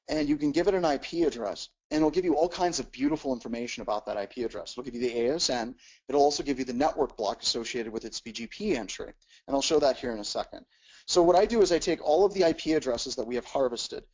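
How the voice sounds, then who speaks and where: A man's voice: a little high, darkish tone, highs cut off. A man teaching in a technical webcast, explaining step by step with frequent "uh"s and repeated words. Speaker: webcast instructor.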